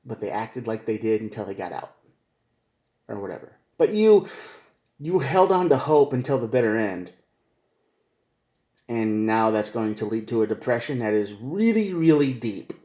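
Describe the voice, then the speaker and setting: A man's voice: mid-range voice, sing-song, moderate pace, pauses often, dark tone, roomy sound. A man giving a casual tarot reading, rambling and repetitive, with slangy asides like "man" and "bro.". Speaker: tarot reader.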